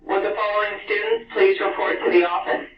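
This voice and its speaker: A man making an announcement over a school intercom loudspeaker, reading out a list of student names for the office. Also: sits high, steady tone, brisk. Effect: heard over a school intercom loudspeaker. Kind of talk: public address announcement. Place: school classroom with a ceiling loudspeaker. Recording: distant echoey muffled intercom speaker with faint hiss.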